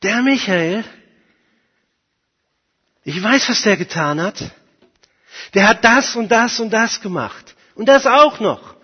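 Preacher doing a shrill taunting male accuser, husky, in a long-echoing hall; brief sermon role. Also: lively intonation, slow, long pauses, heavily acted. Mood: gloating. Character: gloating male devil accuser, eager and shrill. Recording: dull sound, long hall reverb.

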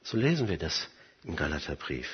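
A man preaching a sermon, emphatic, swinging from soft, quiet passages to loud ones. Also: rumbling low, big pitch swings, normal speed, husky. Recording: dull sound, long hall reverb.

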